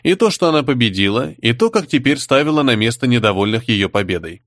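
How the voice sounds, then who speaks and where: A man narrating a fantasy audiobook in an expressive storytelling manner. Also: mid-range voice, fast talker, no echo, studio quality. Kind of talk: scripted narration.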